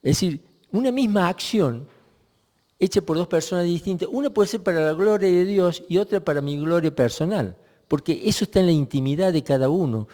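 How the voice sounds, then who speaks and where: Guy preaching a sunday sermon, kinda high but mellow voice, lots of pauses, echoey church sound. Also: animated. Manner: reflective, with many pauses and restarts.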